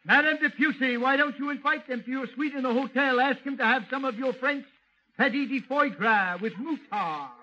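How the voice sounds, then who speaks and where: Blustering high-voiced man on old radio. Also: normal speed, bright, forceful tone. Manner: blustering, grumbling asides. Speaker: comedy radio columnist. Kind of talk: 1930s radio comedy. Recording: old lo-fi radio recording with hiss.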